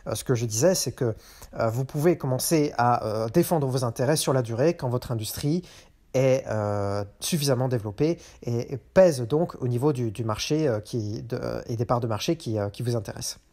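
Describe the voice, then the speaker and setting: A man's dark, mid-range voice moves at normal speed as he hosts a show from a car. His economics monologue is unscripted and halting, marked by frequent fillers and restarts.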